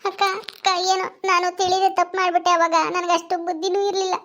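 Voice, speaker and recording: A woman's voice: very high-pitched, little pitch movement, quick pace, a bit bright, voice pushed up. A woman voicing a tearful young elder sister begging forgiveness in a family drama skit. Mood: tearful pleading. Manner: pleading, sobbing.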